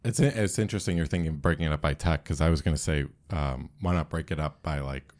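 A man in casual conversation who is losing his voice, speaking haltingly with restarts. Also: a bass voice, darkish tone. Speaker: podcast co-host. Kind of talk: casual chat.

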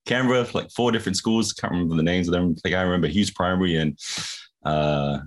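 A young man telling stories about his schooling as a podcast guest, relaxed and slangy, chuckling often. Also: low-pitched, quick pace. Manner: laid-back slangy chatter with frequent laughs. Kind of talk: casual storytelling.

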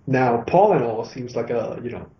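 A man's voice: medium pitch, expressive, moderate pace. A man from Venezuela with a Venezuelan Spanish accent and rolled r's, chatting casually as a podcast guest in a rambling, joking way. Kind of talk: casual chat. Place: remote call. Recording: dull lo-fi call with some noise.

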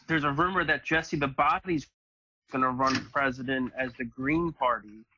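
A man's voice: mid-range voice, normal speed, muffled recording, background noise. A man in a casual podcast chat, joking and rambling through a story.

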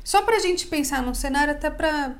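A woman's voice: high voice, normal speed. A woman hosting a casual interview, asking questions and setting up scenarios. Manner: asks questions and sets up scenarios. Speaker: host.

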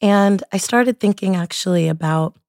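A woman hosting a podcast in a casual, colloquial way, her voice husky after laryngitis. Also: medium pitch, normal speed, no room sound, studio quality. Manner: relaxed, colloquial, lists things in rhythmic runs. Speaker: podcast host.

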